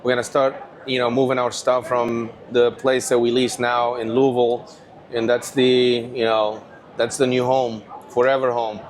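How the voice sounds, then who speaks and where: A man from Tunisia, telling stories as an animated guest in a casual interview. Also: mid-range voice, moderate pace. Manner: animated, rambling storyteller. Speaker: whiskey company owner, guest.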